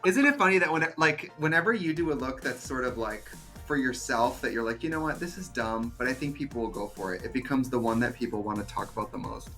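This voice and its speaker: A man's voice: medium pitch, fast, hardly any pauses, pushed and bright, faint music behind. A man hosting a casual chat as a drag queen, joking in a dry, teasing way. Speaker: host.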